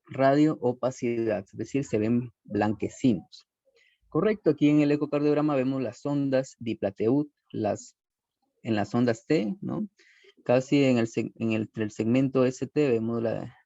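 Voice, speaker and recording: A man's voice: mid-range voice, gravelly, dark tone, dry recording, highs cut off. Man giving a dry, methodical medical lecture. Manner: methodical, lists terms one by one with frequent restarts. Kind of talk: slide-based lecture.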